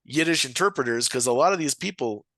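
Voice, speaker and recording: Male podcast host, bright tone, dry close sound, casual joking delivery. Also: medium pitch, animated, quick pace, dry recording. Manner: joking, rambling, laughs often. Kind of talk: casual comedic chat.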